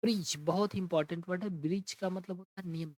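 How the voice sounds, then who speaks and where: A man teaching an English vocabulary lesson, explaining each word in Hindi and reading the English definitions slowly. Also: high-pitched, steady tone, a little mellow, no room sound, low-quality recording. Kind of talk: exam-prep vocabulary lesson.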